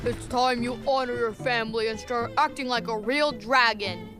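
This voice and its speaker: A woman's voice: on the high side, normal speed, natural voice. A woman voicing a blunt, earnest dragon in a storybook read for young children. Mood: commanding. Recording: music behind the voice.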